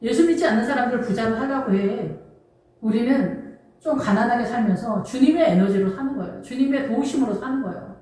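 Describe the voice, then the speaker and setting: A woman's voice: a little high, brisk, mellow. A woman pastor preaching a sermon, emphatic and conversational, full of rhetorical questions. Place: church. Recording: distant mic in an echoey church hall.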